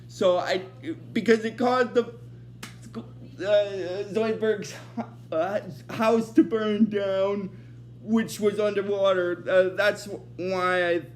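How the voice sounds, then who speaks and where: A man with a notably high voice talks through an episode recap in a loose, unscripted way. He rambles, restarts his sentences and keeps reaching for "basically." A faint hiss sits under his voice. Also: steady tone, takes it slowly. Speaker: host of an episode recap series.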